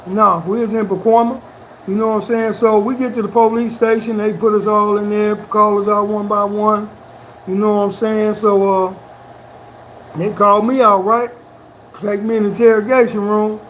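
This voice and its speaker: A man's voice: sits high, flat delivery, moderate pace, fairly bright tone, slight background noise, low-quality recording. A middle-aged man recounting his past in casual, profane street slang, often checking in with the listener. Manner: profane street slang, keeps saying "you know what I'm saying". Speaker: interviewee. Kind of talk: casual storytelling.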